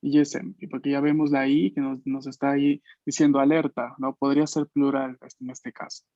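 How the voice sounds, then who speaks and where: A man's voice: mid-range voice, level tone, normal speed, mellow, no echo, highs cut off. A man teaching an online language class, explaining patiently and checking in with frequent questions. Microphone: video call.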